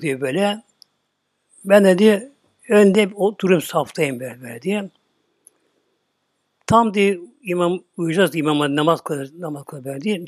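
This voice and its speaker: A male preacher telling a religious story in a repetitive, rhythmic way, sometimes dropping to a soft whisper. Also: on the high side, husky, dry recording, studio quality. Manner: repeats words in a rhythmic storytelling way.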